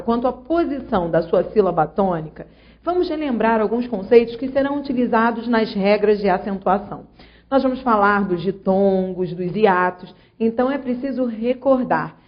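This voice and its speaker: A woman's voice: a little high, dull audio. A woman giving an online grammar lesson, explaining rules and checking in with the student as she goes. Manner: didactic, addresses student directly with check-ins. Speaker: teacher.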